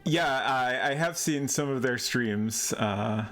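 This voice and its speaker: Guy streaming a game, slower casual chat, clean voice no gravel, faint music behind. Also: medium pitch, fairly bright tone. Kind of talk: casual live stream commentary.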